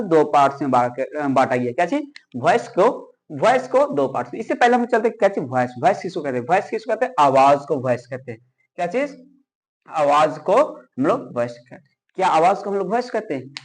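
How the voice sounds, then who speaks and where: A man teaches grammar like a classroom lecture. He keeps asking questions and answering them himself, repeating key phrases to drive each point home. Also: sits high.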